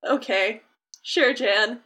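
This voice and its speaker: A woman's voice: fairly high pitch, takes it slowly, sharp tone, breathy edge, heavily acted. A woman voicing a grumpy male hero trainer who curtly brushes people off. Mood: dismissive. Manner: curt and brushing off.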